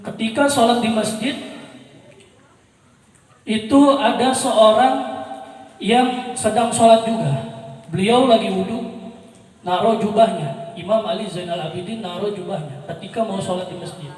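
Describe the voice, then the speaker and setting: High-voiced man preaching, echoey PA. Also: measured pace, pauses often. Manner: lively storytelling, switches between voices. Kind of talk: storytelling sermon. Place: outdoor yard of a house at an evening gathering. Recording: echoey yard PA from far off.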